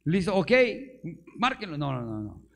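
A man's voice: fairly high pitch, very animated, moderate pace, creaky. A man preaching a live sermon, firing rhetorical questions at the congregation and joking with them. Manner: call-and-response with the congregation, rhetorical questions, bursts of emphasis; playful, laughs with the audience. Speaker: pastor.

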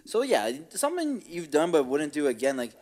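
A man's voice: on the high side, huge pitch swings, brisk, darkish tone. A young man co-hosting a podcast, talking in casual, slangy, profane banter. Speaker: podcast co-host. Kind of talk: casual chat.

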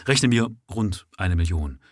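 A man voicing an exhausted young factory worker who speaks softly, calmly and without passion. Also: low voice, a little slow, no echo, clean studio sound. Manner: calm, soft and passionless.

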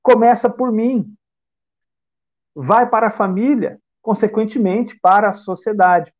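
A man's voice: sits high, unhurried, dull audio. A Brazilian man giving a spiritist lecture, reflective, asking rhetorical questions. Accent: Brazilian Portuguese. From São Paulo state, Brazil. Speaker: spiritist speaker.

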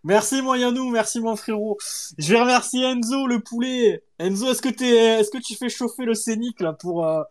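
High-voiced man hosting a casual fan show. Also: moderate pace. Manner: familiar, calls everyone "frérot". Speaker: host. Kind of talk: casual fan podcast chat.

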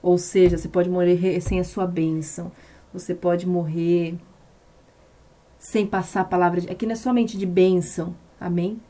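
A woman's voice: lowish voice, fairly even intonation, normal speed, mellow. A woman preaching a sermon on a live stream, impassioned and emphatic, repeating phrases for stress.

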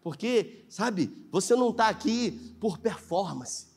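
A man with a Brazilian Portuguese accent, a pastor preaching a live sermon in church, animated and acting out dialogue in voices. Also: sits high, slow pace, gravelly, breathy edge. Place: church sanctuary.

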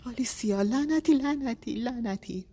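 A woman voicing a desperate husband who shouts and sobs in a read-aloud story. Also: medium pitch, flat delivery, pitched above the performer's own voice, lightly acted. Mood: anguished. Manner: shouting, sobbing pleas. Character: desperate husband, a man pleading and crying. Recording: long echoey reverb.

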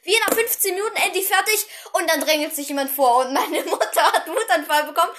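Teen girl, high voice, casual rambling chat, animated storytelling. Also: fast talker. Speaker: vlogger.

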